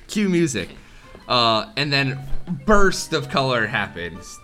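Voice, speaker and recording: Brief: male game master, animated storyteller, bright crisp tone. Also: lowish voice. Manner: lively, quick narration with playful voices. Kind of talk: narrating a tabletop game.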